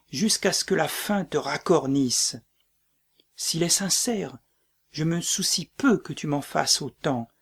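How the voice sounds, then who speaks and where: A man reading the part of a doomed tyrant king in a dramatic play reading, brooding and breaking into shouts. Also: on the high side, slightly rough.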